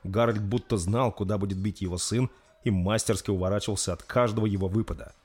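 A man reading a dark fantasy story aloud in a steady, dramatic narration. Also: on the low side, fast, breathy edge. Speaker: audiobook narrator.

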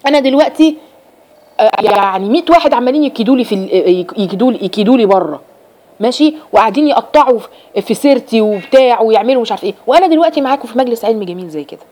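Fast-talking Egyptian woman teaching religion. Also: a little high. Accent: Egyptian Arabic. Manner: lively, repeats phrases, acts out examples. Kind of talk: religious lesson to women.

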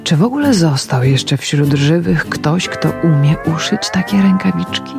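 A woman reading first-person literary prose for radio in a quiet, reflective manner that sinks into whispers. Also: deep voice, expressive, moderate pace. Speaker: radio reader. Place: radio studio. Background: music.

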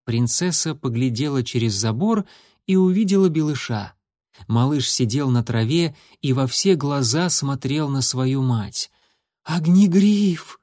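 A man narrating a children's animal adventure in a steady, measured reading. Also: mid-range voice, dry recording, clean studio sound. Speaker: audiobook narrator. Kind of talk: scripted storybook narration.

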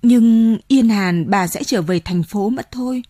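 A woman reading an audiobook voices a timid old countryman who asks halting, choked questions. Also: on the high side, warm tone, dry recording, clean studio sound. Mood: shaken.

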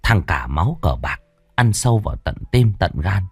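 A man narrates a ghost story in a lowish voice that rises and falls dramatically, with a mournful tone. The sound is dry and close. Soft music plays faintly underneath. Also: sing-song, moderate pace, slightly rough, no room sound.

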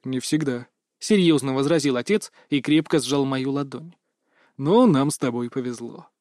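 A man's voice: medium pitch, expressive, normal speed, darkish tone, no echo, voice pushed down, lightly acted. A man voicing a dry, teasing and affectionate father in an audiobook. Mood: serious. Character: ironic, affectionate middle-aged father.

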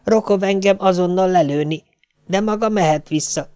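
A man's voice: high-pitched, a little mellow, clear, resonant tone, no room sound, clean studio sound, voice pushed up, natural voice. A man reading an audiobook, voicing a kindly Swedish ship's cook who speaks in broken grammar, earnest and apologetic. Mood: worried.

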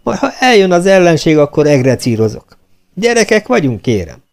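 A man's voice: a little high, sing-song, voice pushed up. A man voicing a naive, cheerful, long-faced male recruit who chatters on, carefree and oblivious, in an audiobook reading.

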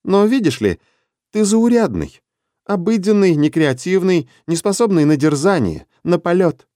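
A man's voice: high voice, normal speed, no room sound, studio quality, pitched above the performer's own voice. A man putting on a cold detached ex-wife. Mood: cutting. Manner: flat, colorless delivery.

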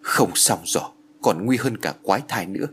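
A man voicing a quick-witted, hot-tempered middle-aged aunt in a spoken horror story. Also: lowish voice, breathy edge. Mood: wary. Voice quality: blunt, impatient.

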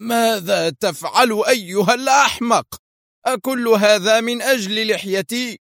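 A man voicing an indignant, short-tempered male lawyer who shouts angry protests. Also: a little high, animated, moderate pace, no echo, studio quality, lightly acted. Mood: outraged.

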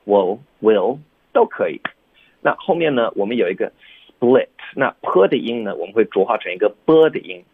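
A man's voice: medium pitch, animated, brisk, slightly rough, no echo, narrow, tinny audio. A man co-hosting a radio English lesson, explaining pronunciation step by step and often checking with "OK?". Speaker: English teacher co-host.

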